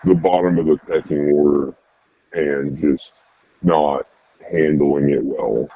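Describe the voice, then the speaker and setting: A man whose voice is electronically altered to sound very deep, speaking haltingly as an anonymous former soldier in a news interview. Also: fairly even intonation, phone-quality sound. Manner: halting, repeats words while searching for them.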